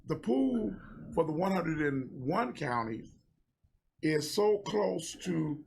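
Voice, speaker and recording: Husky, creaky higher-voiced man. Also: very animated, darkish tone. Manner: halting, circling back mid-thought. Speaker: committee meeting participant. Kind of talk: informal remarks at a public meeting.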